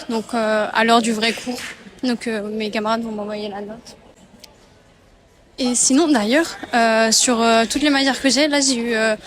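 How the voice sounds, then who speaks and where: Young woman from France, student vlogger, slightly high, casual and hesitant. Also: fairly bright tone. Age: young adult. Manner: chatty, hesitant with many fillers. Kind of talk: casual vlog chat to viewers.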